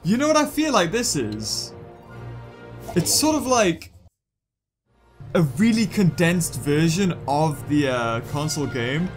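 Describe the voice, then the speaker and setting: A young British man commentates casually on a game, goofy and excitable. His voice is high and swoops a lot, with faint music behind him. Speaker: gaming YouTuber.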